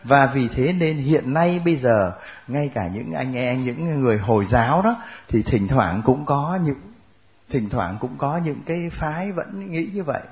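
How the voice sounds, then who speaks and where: A man's voice: mid-range voice, animated, a little slow, a little mellow. A man teaching a Bible class, joking and laughing with his students.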